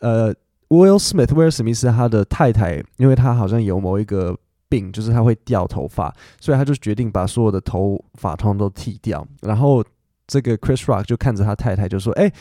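A man's voice: on the low side, fairly quick, warm tone, no echo, studio quality. A man, an English teacher explaining things in a chatty podcast style, full of fillers and English asides.

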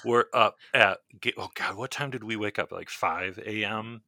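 Bright-voiced man in casual podcast chat. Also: lowish voice, normal speed, dry recording, clean studio sound. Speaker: podcast co-host.

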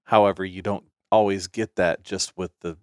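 A man making a measured, thoughtful point in a casual podcast chat. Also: sits low, little pitch movement, clear, resonant tone, dry recording, clean studio sound.

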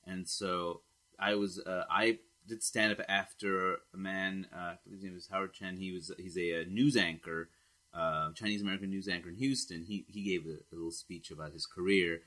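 A man from Queens, a stand-up comedian telling anecdotes in casual chat and getting animated when he quotes people. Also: low-pitched, normal speed. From Queens, New York.

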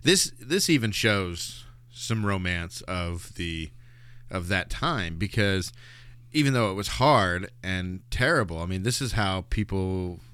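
A man's voice: sits low, animated, slow, a bit bright, smooth, no room sound. A young adult man hosting a podcast, chatting easily with his father about a film. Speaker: podcast host. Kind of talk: casual chat.

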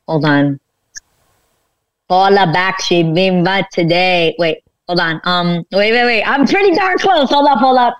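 A woman guest on a podcast, excitable and slangy in casual chat. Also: on the low side, a little slow, low-quality recording.

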